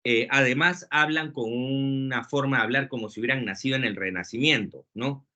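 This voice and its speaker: A man giving a webinar talk on leadership, lively and joking, acting out quotes along the way. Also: mid-range voice, moderate pace. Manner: lively, jokey lecturing with acted quotes. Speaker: webinar speaker. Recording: muffled lo-fi webinar audio.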